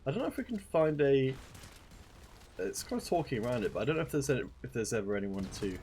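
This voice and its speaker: A man's voice: medium pitch, sing-song, quick pace, a little mellow, a little hiss or hum. A man casting a live esports stream, chatting upbeat and directly to viewers. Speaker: esports caster.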